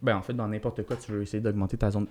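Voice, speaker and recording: A man's voice: lowish voice, flat delivery, fast talker, a little mellow. A young man with a Québécois French accent, chatting casually as a podcast guest, laughing often and talking in loose filler-heavy sentences. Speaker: podcast guest, fitness coach.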